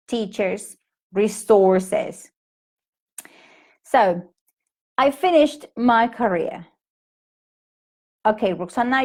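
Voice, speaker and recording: Through a laptop or phone mic on a home live stream, a Peruvian woman in her thirties chats with English teachers, her Peruvian Spanish accent evident. Her mid-range voice is a little mellow, and her casual talk is packed with fillers and restarts.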